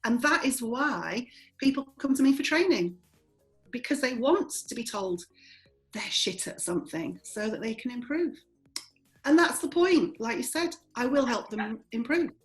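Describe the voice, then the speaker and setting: A woman's voice: sits high, very animated, moderate pace, faint music behind, poor audio. A woman in her forties, a property trainer and interview guest, speaking bluntly and openly, laughing often as she talks. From born in Germany, raised in army families. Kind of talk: candid interview conversation.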